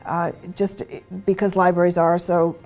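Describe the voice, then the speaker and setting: Woman interviewee, mellow tone, bit hesitant, soft music behind. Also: lowish voice, level tone, unhurried. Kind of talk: interview commentary.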